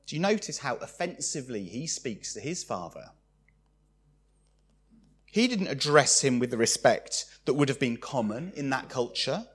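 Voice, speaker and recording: Animated man preaching. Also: medium pitch, moderate pace, slightly rough. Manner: expressive, acts out quoted lines. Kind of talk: sermon.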